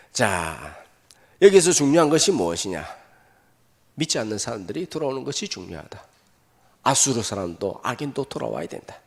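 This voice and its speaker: A man pastor preaching a sermon, telling the story in an animated way and tossing rhetorical questions to the congregation. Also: fairly high pitch, creaky. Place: church sanctuary. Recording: echoey hall.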